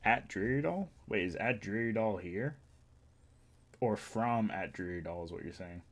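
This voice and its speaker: A man's voice: on the low side, animated, normal speed, fairly bright tone. A young man livestreaming from his home setup, joking, teasing and reading his chat aloud in a casual way. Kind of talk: casual live-stream chat.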